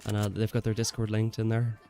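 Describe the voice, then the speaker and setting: Congested from a cold, a young man streams a game and chats casually with his viewers, responding to chat and often calling people "man" and "bro." He speaks briskly in a lowish, monotone, mellow voice over soft background music.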